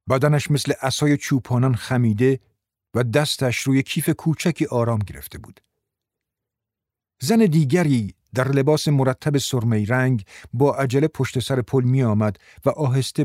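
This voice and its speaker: A man reading a novel aloud in a measured, even way. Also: mid-range voice, no room sound, studio quality. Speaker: narrator. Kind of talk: audiobook narration.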